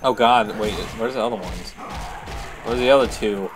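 A man's voice: on the low side, normal speed, noisy background. A man giving casual, jokey commentary on a game he is playing for the first time, grumbling and humming along. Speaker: gameplay commentator. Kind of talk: casual let's-play commentary.

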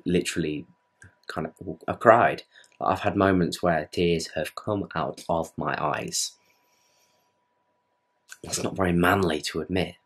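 There's a husky depth to this young British man's voice as he vlogs at night from his bedroom. A fitness vlogger in his twenties with a British English accent, he rambles earnestly to camera and swears without much thought.

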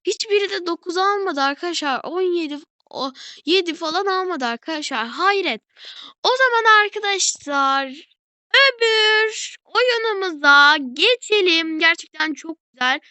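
A high, bright female voice giving casual gameplay commentary, heard dry and close with no room around it. She is excitable, keeps turning to her viewers, and gushes over every little detail she finds. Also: measured pace, dry recording. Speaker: gaming channel host.

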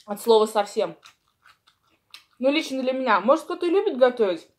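A woman's voice: on the high side, sing-song, fairly quick. A woman vlogger chatting casually and rambling while she eats, talking with her mouth full. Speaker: mukbang vlogger. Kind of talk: casual chat while eating.

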